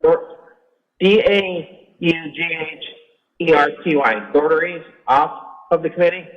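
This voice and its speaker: A man calling into a public commission meeting, his audio breaking up and cutting out as he briskly repeats himself. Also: a little high, in a large hall. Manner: brisk, repeats and spells words out to get through. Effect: choppy audio that keeps cutting out. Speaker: meeting official calling in remotely. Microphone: remote call audio. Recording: dull lo-fi remote call line.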